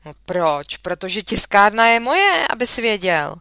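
A woman's voice: mid-range voice, big pitch swings, pushed and bright, clear, resonant tone, dry recording. A woman reading aloud, voicing a quarrelsome schoolboy who brags and blusters. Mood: defiant. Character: quarrelsome schoolboy bragging about riches.

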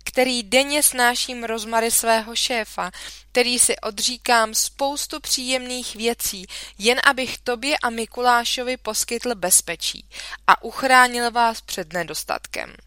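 A woman's voice: a little high, lively intonation, bright, forceful tone, clean tone, no echo, pitched above the performer's own voice. A woman reading a children's story aloud, voicing an exasperated, blustering father.

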